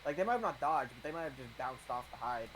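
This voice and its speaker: A man playing a tabletop game, explaining rules in a relaxed, drawn-out way. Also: medium pitch, faint music behind. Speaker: player. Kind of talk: casual tabletop game chat. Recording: noisy recording.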